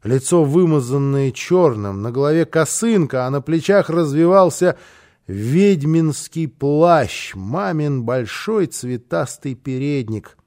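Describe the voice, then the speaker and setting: A man narrates a children's story aloud with lively, expressive storytelling. His voice sits somewhat high for a man, and he gives the phrases plenty of shape. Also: slow pace.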